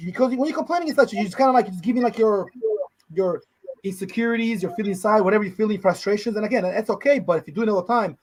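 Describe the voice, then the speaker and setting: High-pitched dude rambling fast on a podcast mic, lots of bro. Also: male voice, poor audio. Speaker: podcast co-host. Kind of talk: casual chat.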